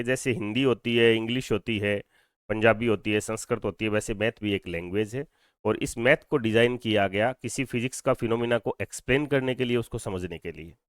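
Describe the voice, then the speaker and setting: A man teaching a physics lesson in a dry, close-sounding voice of middle pitch. He moves between Hindi and English, poses questions to his students and then answers them himself. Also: smooth, no room sound. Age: adult over twenty-two. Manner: explains step by step, asking and answering his own questions; mixes Hindi with English phrases. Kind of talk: classroom lecture.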